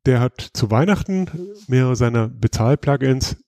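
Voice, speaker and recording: A man hosting a podcast in casual chat, explaining things in a relaxed way with frequent hesitations and restarts. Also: medium pitch, moderate pace, dry recording, studio quality. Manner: relaxed, explanatory, many filler sounds and restarts. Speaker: podcast host.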